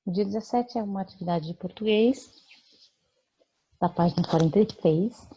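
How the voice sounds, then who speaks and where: A woman's voice: medium pitch, normal speed, mellow, breathy edge, highs cut off. A Brazilian woman teaching a remote lesson, explaining patiently with many fillers and check-ins to her students. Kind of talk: remote lesson correcting homework.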